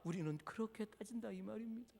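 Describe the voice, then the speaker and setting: A man preaching a sermon as pastor, dramatic, swinging from loud declarations to hushed near-whispers. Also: high voice, quick pace, gravelly. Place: church sanctuary. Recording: church hall with long reverb.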